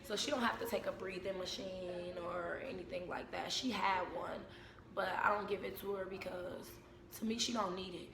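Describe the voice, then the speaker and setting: A young American woman chatting casually to camera at home, telling stories in an informal, unhurried way. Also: medium pitch, fairly even intonation, gravelly, a crowd in the background. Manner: informal, unhurried storytelling with repeated phrases. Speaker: vlogger and mother. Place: indoors at home. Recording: echoey room with background noise.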